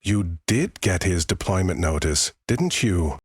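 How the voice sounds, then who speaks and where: A man's voice: low voice, expressive, a little slow, husky, dry recording, studio quality, full character voice. A man voicing an accusing old widow neighbor. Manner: accusing, rising.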